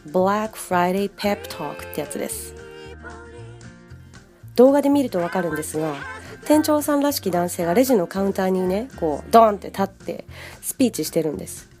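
A woman's voice: mid-range voice, lively intonation, fairly quick, darkish tone. A woman hosting a casual podcast lesson in a mid-range voice. Her delivery is chatty and upbeat, and she laughs easily. Light music plays faintly under her. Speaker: podcast host and English teacher.

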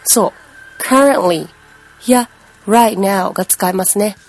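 A woman's voice: medium pitch, slow pace, faint music behind. A woman teaching English pronunciation in a chatty, explanatory way, humming out speech rhythms. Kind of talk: language lesson.

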